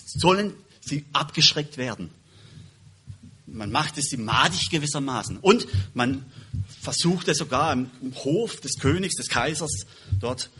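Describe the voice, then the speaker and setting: A man preaching a sermon and reading Bible verses aloud, stressing words loudly and then dropping quietly, often restarting words. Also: medium pitch, husky. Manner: emphatic, swings between loud stresses and quiet drops; self-correcting, restarts words.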